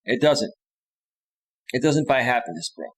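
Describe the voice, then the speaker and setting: This live stream host has a mid-range, animated voice and takes his time. His off-the-cuff monologue is loose and casual, peppered with slang, repetition, and insistent remarks aimed straight at viewers.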